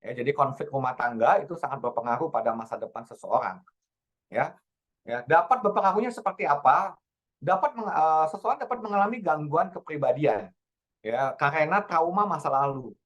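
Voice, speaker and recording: A man's voice: on the high side, a little fast, a bit bright. Man giving a webinar talk. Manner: engaging, checks in often with "ya". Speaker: speaker, NLP trainer. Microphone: video call.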